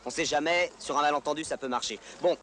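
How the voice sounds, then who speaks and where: A man's voice: a little high, fast, crowd noise. A man speaking casual dialogue in a clip.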